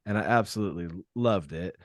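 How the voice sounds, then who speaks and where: A podcast host with a fairly low voice asks rambling, enthusiastic questions in relaxed conversation. The room is dry, with no echo. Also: male voice, brisk. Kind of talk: casual interview chat.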